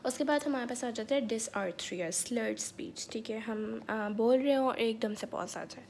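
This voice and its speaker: A woman with a slightly high, darkish voice talks at a measured pace, with vocal fry and a faint hiss or hum in the recording. She gives a casual medical lecture despite a slightly sore throat, chatting and checking in often with her listeners. She mixes in English terms and keeps repeating "theek hai."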